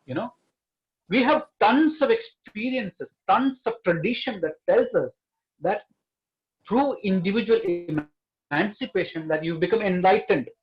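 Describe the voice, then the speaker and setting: A man's voice: high-pitched, expressive, a little slow, muffled recording. A man speaking earnestly as a panelist, stressing key words again and again. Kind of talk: panel discussion.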